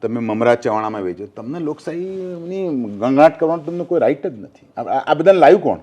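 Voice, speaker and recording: A man's voice: a little high, animated, fairly quick, warm tone. An older man from Gujarat, a former newspaper journalist, talking politics in an interview and telling anecdotes, acting out quoted speech.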